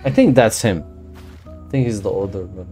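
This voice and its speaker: A young man doing casual reaction commentary on an anime, with blunt, profane, excitable outbursts, close to a studio mic. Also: lowish voice, slow, faint music behind. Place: small home studio room. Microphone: headset and large studio mic close up.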